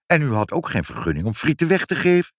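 A man voicing a fussy elderly male civil servant, a grandfather who talks gruffly and gets muddled, in a storybook reading. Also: fairly high pitch, huge pitch swings, fast talker, no echo, clean studio sound, pitched above the performer's own voice, heavily acted. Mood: flustered. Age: older. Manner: gruff, then doting and muddled.

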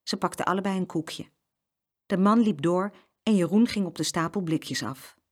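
A woman's voice: on the low side, normal speed. A woman reading a children's story aloud and acting out the sound effects.

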